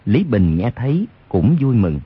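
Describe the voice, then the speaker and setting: A man's voice: mid-range voice, big pitch swings, measured pace, over loud music. A man narrating a martial arts novel as an audiobook on radio, reading expressively. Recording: lo-fi radio recording.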